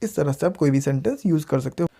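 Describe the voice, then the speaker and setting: Indian guy teaching english words, says each one slow and clear a couple times, kinda dark mellow voice. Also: fairly high pitch, lively intonation. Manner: repeats words slowly and clearly for learners. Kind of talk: casual video lesson.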